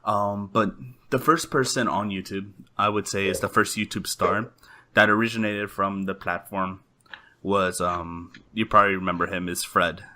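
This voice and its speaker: A man's voice: sits low, steady tone, normal speed, sharp tone. A young man hosting a casual podcast chat, rambling with lots of "like" and "um". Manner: rambling, heavy use of "like" and "um". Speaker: podcast host.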